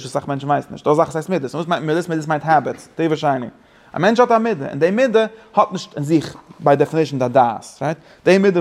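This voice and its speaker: A man with a fairly high voice teaches an informal religious class to students. He speaks haltingly, with many restarts and repeated words, and mixes in English phrases.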